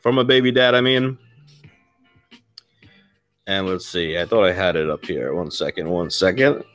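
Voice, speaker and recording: A man's voice: low voice, moderate pace, fairly bright tone, faint music behind. A man hosting a live podcast, hyping it up, swearing and repeating his phrases, while a chest cold keeps him coughing. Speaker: podcast host. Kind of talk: casual live podcast chat.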